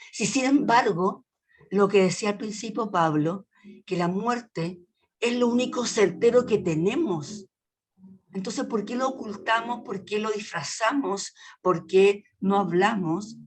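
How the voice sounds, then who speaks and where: A woman's voice: medium pitch, a little slow, slightly rough. A woman with a Chilean accent speaking in a casual group discussion, frank and colloquial, often restarting her sentences. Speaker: colloquium participant.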